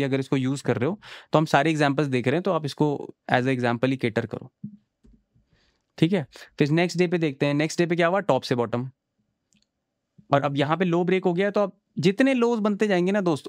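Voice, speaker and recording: A man talks through charts in a casual, friendly lesson, often pausing to check that the listener is keeping up. His voice sits a bit high for a man. The recording is close and dry, no room sound. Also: dry recording. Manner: chatty, reassuring, asks the viewer "samjhe?". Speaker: trading teacher. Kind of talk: casual screen-share chart tutorial.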